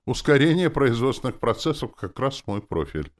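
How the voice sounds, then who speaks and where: A man voicing a confident young woman who is a time mage, talking briskly. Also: mid-range voice, sing-song, pitched above the performer's own voice, lightly acted. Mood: self-assured.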